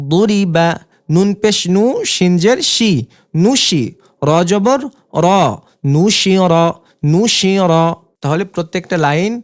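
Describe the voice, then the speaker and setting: Patient teacher drilling syllables slowly. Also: mid-range voice. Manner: slow, patient drilling with many repetitions. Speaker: Quran reading teacher. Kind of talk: recorded lesson, spelling out syllables.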